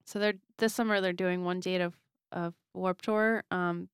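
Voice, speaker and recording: Chatty young woman pitching bands. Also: fairly even intonation, clear, resonant tone, no room sound, clean studio sound. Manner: chatty, laughing often, brisk pitch patter. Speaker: music publicist. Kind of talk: casual interview, pitching bands.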